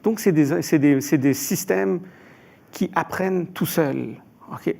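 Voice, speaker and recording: Gravelly, hesitant man from Iran. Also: a little high, slow, warm tone. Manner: hesitant, frequent filler sounds and restarts. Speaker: expert panelist. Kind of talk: panel discussion answer.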